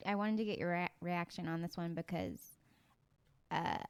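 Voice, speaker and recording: A woman's voice: fairly low pitch, moderate pace, clean tone, no room sound. A woman co-hosting a podcast who giggles easily as she chats into a studio microphone. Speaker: podcast co-host. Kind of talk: casual chat.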